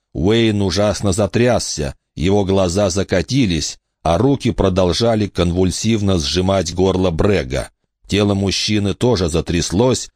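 A man narrating an audiobook in a steady, measured reading. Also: low-pitched, no echo, clean studio sound.

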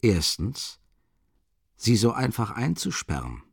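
An actor voicing a shrewd middle-aged investigator who speaks in a calm, insistent half-whisper. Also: male voice, on the low side, slow pace, creaky, husky, no echo, clean studio sound, exaggerated voice. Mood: calm, persuasive.

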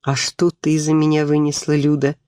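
A man's voice: a little high, monotone, moderate pace, a little mellow, smooth, no echo, studio quality, close to an everyday voice. A man reading the part of a young princess schoolgirl who speaks tenderly and devotedly to her friend. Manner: tender, whispering.

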